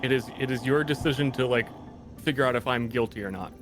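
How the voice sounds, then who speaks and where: A man co-streaming a game, chatting and telling things casually in a halting, deliberate way. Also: medium pitch, soft background music. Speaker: gaming co-streamer. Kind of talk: casual chat and storytelling.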